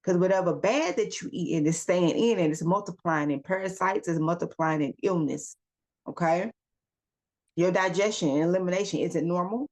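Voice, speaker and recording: A woman's voice: fairly low pitch, darkish tone. A woman giving a casual self-help talk as a wellness coach, firing off questions and calling listeners y'all and baby. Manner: asks rapid rhetorical questions, calls listeners y'all and baby; emphatic, coaching.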